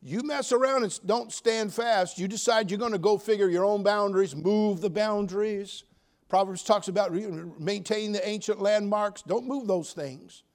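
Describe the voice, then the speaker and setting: An American man in his seventies with a noticeably high-pitched voice delivers a sermon at a moderate pace. Folksy and emphatic like a veteran Baptist preacher, he presses hard on key phrases with loud exhortation, then drops into quieter joking asides.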